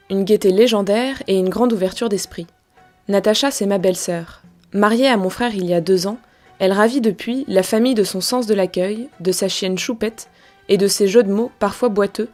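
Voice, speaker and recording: A woman host giving a warm, scripted introduction of a guest on her podcast. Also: mid-range voice, fairly quick. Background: soft music.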